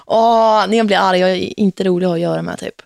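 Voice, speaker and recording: A young woman hosts a casual podcast with an animated storytelling manner. She acts out quotes and laughs often. Her pitch sits mid-range and the sound is close and dry. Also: gravelly, no room sound. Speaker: podcast host.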